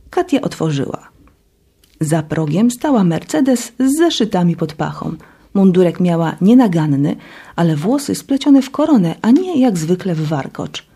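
A woman narrating an audiobook in a steady, even reading. Her voice sits low and mellow, with a husky grain.

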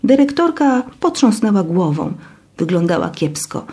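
A woman reading a first-person story aloud in a dramatic, expressive way. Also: mid-range voice, normal speed. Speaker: audiobook narrator. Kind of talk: first-person scripted narration.

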